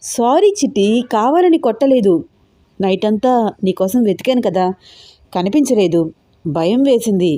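A woman's voice: medium pitch, lively intonation, normal speed, pauses often, mellow, no echo, clean studio sound, close to an everyday voice. A woman voicing a playful young man who teases his bride-to-be in an audio story. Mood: pleading. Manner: playful, teasing. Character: teasing young man, kickboxer fiancé.

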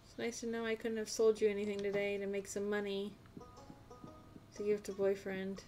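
A woman's voice: mid-range voice, completely flat delivery, normal speed, dark tone, faint music behind. A woman streaming a farming game live, rambling and talking to herself as she plays. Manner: rambling, talks to herself while playing. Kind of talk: casual live gameplay chat.

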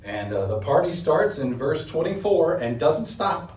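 Middle-aged pastor preaching in a roomy echo. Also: male voice, very animated, a little slow, darkish tone, far from the mic. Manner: earnest preaching, rising in pitch and force when stressing points. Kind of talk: sermon. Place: small indoor room, standing at a lectern. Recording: roomy echo, voice set back from the mic.

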